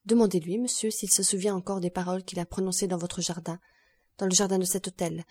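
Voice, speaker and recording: Woman reading as young man, grieving, impassioned, low, flat, husky. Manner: impassioned, louder and quicker. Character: young man, passionate and grief-stricken.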